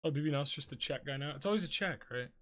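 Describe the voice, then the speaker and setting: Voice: mid-range voice, quick pace, fairly bright tone. A streamer chatting casually with viewers late at night while drawing, rambling and joking, cursing freely and humming between thoughts, speaking from a room at home. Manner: rambling, joking, swears freely, talks to chat; hums to self while working.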